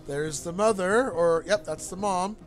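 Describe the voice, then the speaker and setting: A man with a fairly high voice gives a relaxed, joking walkthrough of his own game. Soft game music plays behind him. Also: measured pace. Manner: chatty, jokey, animated. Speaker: streamer and game developer. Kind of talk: casual game commentary. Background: faint game music.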